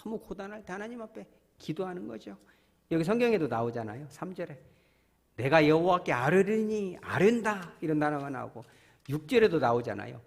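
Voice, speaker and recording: A lively pastor preaching in a reverberant hall. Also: male voice, fairly high pitch, brisk, vocal fry, slightly rough. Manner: emphatic, asks congregation questions, sudden loud cries. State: throat strained after illness. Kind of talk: sermon. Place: church sanctuary.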